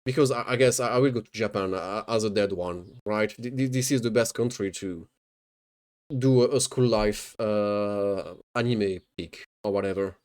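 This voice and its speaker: Here a lowish, darkish, clean-toned male voice at normal speed reacts to a video on a stream. He ridicules it sarcastically, cursing and cracking jokes while frequently stammering and repeating words.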